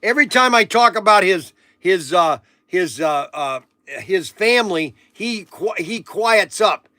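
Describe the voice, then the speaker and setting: A man's voice: high-pitched, animated, measured pace, pushed and bright, dry recording. A man in his sixties hosting a casual livestream, rambling and joking with viewers as he reads out their comments. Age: 60s. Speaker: livestream auction host.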